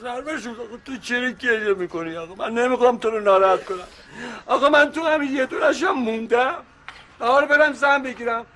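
Middle-aged husband, comic TV series, high voice, bright tone, blustering. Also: male voice. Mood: exasperated. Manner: pleading and joking, then exasperated. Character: blustering middle-aged husband, just back from supposed death. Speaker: father of the family.

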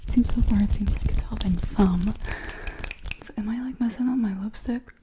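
A woman's voice: a little high, normal speed, background noise. A young woman whispering ASMR very close to the microphone, repeating words and phrases in a rhythmic way. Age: young adult. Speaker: ASMR creator. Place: small room at home, indoors. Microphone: desktop condenser microphone very close, often cupped by hands.

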